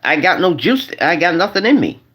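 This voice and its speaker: Sharp-toned and slightly rough, a man in his forties speaks high and a little fast, his pitch swinging widely. As a vlogger he rambles casually to "y'all," using slang and repeating the same phrases over and over with frequent restarts.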